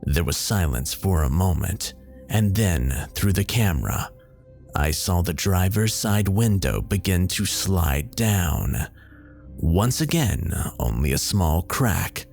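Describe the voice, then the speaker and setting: Male horror narrator, lowish and lively, measured delivery over soft music. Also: creaky. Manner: measured storytelling. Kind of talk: scripted narration.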